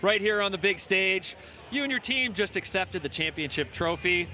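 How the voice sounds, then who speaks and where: A man interviewing a coach on stage for a live sports broadcast, asking energetic, polished questions. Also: high-pitched, normal speed. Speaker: sideline interviewer. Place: outdoor championship stage with a crowd. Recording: crowd noise behind.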